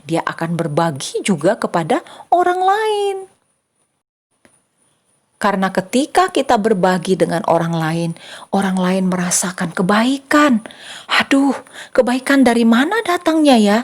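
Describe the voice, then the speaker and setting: A young woman giving a lively children's church sermon, addressing the kids directly and acting out small voices and exclamations. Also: medium pitch, measured pace, pauses often. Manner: animated, acts out little voices and exclamations for kids.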